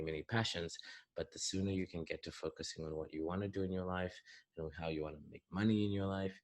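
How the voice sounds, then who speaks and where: Middle-aged Zambian-born business coach, very low and even delivery, earnest mentor tone, dry close mic. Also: male voice, dry recording. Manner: earnest, advice-giving, thinks aloud with fillers. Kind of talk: recorded advice talk for a youth summit.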